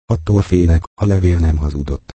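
A man playing a sly, falsely gentle brother. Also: deep voice, slightly rough, no echo. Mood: mournful. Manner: soft, mournful, falsely gentle. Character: sly younger brother feigning sympathy. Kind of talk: audiobook character voice.

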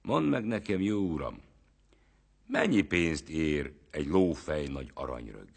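A man's voice: rumbling low, sing-song, gravelly, breathy edge, full character voice. A man voicing a sly, bold poor peasant in a folk tale. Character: cheeky, down-to-earth poor male peasant.

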